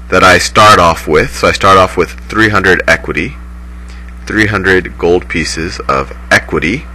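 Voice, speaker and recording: A man's voice: sharp tone, husky. A man teaching a banking lesson step by step, often restarting and correcting himself, heard through poor-quality streamed sound. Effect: poor-quality sound, like a low-grade stream. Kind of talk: recorded lecture, thinking aloud.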